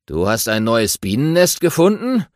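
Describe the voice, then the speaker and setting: A man's voice: medium pitch, big pitch swings, moderate pace, dry recording, studio quality, lightly acted. A man voicing a grumpy, greedy male badger who snarls and bosses others around, for a children's audiobook. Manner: snarling, bossy.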